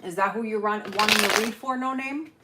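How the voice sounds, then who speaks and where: A woman's voice: medium pitch, a little fast, heavy background noise. A woman giving a casual live-stream tarot reading, chatty and informal, swearing and laughing easily as she talks from her home setup. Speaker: tarot reader. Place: home setup, newly moved.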